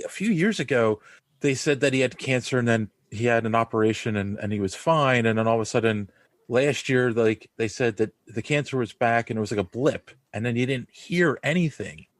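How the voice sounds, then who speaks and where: A man in his forties hosts a laid-back podcast from a video call. He rambles comfortably and laughs often. His middle-pitched voice sounds close and dry. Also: moderate pace, no echo. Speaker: podcast host. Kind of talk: casual chat. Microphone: recording over a video call.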